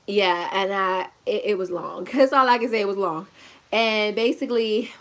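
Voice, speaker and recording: A young woman chatting casually to her viewers in a home pregnancy update vlog, tired and a little out of breath, rambling and laughing often, recorded by a camera set a short way off. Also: medium pitch. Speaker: vlogger. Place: indoors at home, seated in a chair. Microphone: camera set at a distance.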